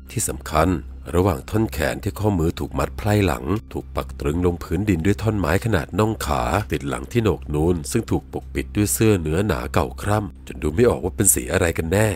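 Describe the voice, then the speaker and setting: Deep fast-talking male storyteller. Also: darkish tone. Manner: vivid, rapid first-person storytelling. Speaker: narrator. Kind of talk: dramatic audiobook narration of a ghost story.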